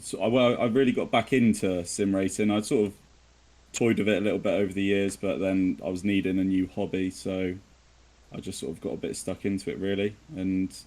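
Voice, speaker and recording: A man with a rural West Country English accent speaks in a low, fairly even voice. He chats informally and self-deprecatingly, feeling his way through his sentences. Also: fairly quick, poor audio. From southwest of England. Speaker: podcast guest. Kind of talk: casual chat.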